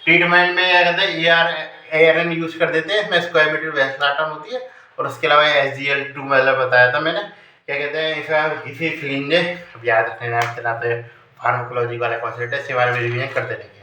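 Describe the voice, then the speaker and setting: High-voiced man lecturing in an echoey room. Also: flat delivery, a little fast, bright, forceful tone, a little hiss or hum. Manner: explains with everyday analogies, asks rhetorical questions. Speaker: medical lecturer. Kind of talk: informal Hindi lecture. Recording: echoey room, voice far from mic.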